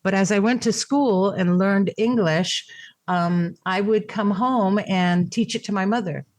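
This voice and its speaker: This is a conversational podcast interview with a middle-aged woman who grew up speaking Japanese and is a caregiver. Her voice sits at medium pitch, her pace is measured, and there is no echo. She reflects on her caregiving story with many fillers and restarts.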